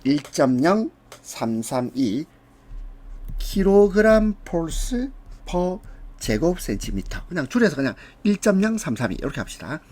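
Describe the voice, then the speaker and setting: A man's voice: a little high, big pitch swings, measured pace, a little mellow. A man teaching an exam prep lecture, going through answers step by step with casual asides.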